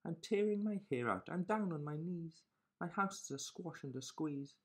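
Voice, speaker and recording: A woman voicing a fussy, frantic little old lady who exclaims in a high, breathy voice. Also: animated, moderate pace, darkish tone. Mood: frantic pleading.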